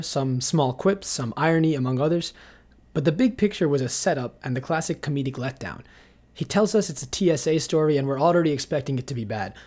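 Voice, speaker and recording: A man reading a scripted narration in a measured, analytical way. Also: a little high, darkish tone. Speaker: video essay narrator.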